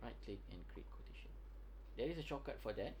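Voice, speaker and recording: A man with a Malaysian accent gives an informal software tutorial to a class in colloquial Malaysian English, halting and repeating himself as he checks that listeners follow. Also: mid-range voice, lively intonation, a little hiss or hum. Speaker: software trainer.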